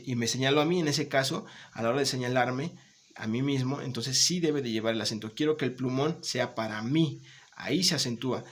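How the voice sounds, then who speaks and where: A male teacher giving a remote class, explaining patiently, repeating points, checking in often and encouraging his students. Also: mid-range voice. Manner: warm, encouraging toward students.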